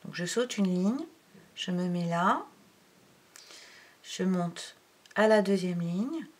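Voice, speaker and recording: Woman teacher, middle-aged, unhurried step-by-step handwriting instruction, occasional near-whispered asides. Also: fairly low pitch, expressive. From France. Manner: slow, counting aloud while writing, drops to near-whisper. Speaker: primary school teacher.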